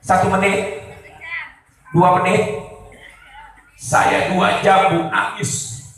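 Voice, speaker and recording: A man's voice: high voice, flat delivery, very slow, gravelly, fairly bright tone. A man giving a humorous sermon, telling stories and praying aloud dramatically to the audience. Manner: storytelling, addresses the audience often, prays aloud dramatically. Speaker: comedic preacher. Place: live event before an audience. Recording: very echoey, distant live venue.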